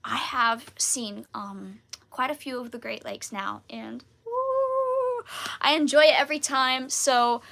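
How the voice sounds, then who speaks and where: A woman's voice: sits high, lively intonation, slow, vocal fry, fairly bright tone. A woman, chatting casually in a live Q&A with lots of fillers and giggles. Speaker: YouTuber answering viewer questions.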